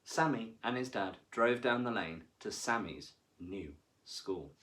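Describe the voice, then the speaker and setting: Man, children's storyteller, very lively pitch, slow unhurried reading, engaging. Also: slight background noise. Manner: animated, engaging, asks the listener questions. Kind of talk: reading a picture book aloud to children.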